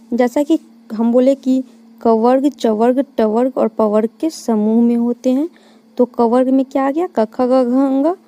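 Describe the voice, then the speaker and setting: A woman's voice: fairly high pitch, dark tone. A woman teaching Hindi grammar in an online exam-prep lecture, explaining step by step and answering her own questions.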